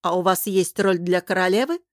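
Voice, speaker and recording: A woman reading an audiobook who voices a proud young princess, sharp, sarcastic and impatient. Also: lowish voice, moderate pace, no echo, studio quality, lightly acted. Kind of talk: audiobook character voice.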